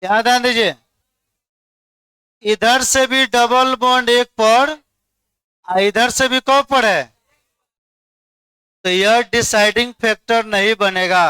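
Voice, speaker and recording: A high, bright-voiced man lectures a class at an unhurried pace. He keeps urging students to look carefully and quizzes them one by one. His voice is smooth and clear, recorded close and dry. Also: dry recording. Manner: coaxing, repeats "dekhiye" to hold attention, quizzes students. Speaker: chemistry teacher.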